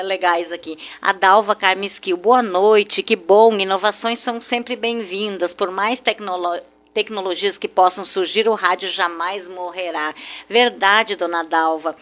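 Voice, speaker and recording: Speaking at medium pitch, an elderly guest tells nostalgic stories in a radio interview. A native German speaker from a German-speaking community in southern Brazil, she reminisces warmly and drops "né?" again and again.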